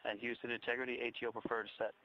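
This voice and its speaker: A man's voice: medium pitch, level tone, rapid-fire. A man on the crew reporting terse procedural callouts over a crackly space-to-ground radio transmission. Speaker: astronaut crew member. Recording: lo-fi radio link, faint hiss, distant.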